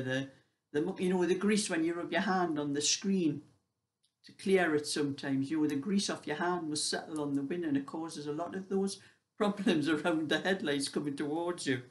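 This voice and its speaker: An elderly British woman of seventy-five chatting casually, telling everyday stories in a rambling, conversational way. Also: low-pitched. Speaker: vlogger sharing everyday life. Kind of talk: casual chat.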